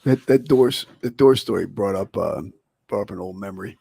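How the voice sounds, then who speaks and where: Man, low pitch, husky and gravelly, rambling storyteller, casual chat guest, dry sound. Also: moderate pace, mellow, no room sound. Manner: rambling, full of "uh" and "right?". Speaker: guest, former bouncer and bodyguard.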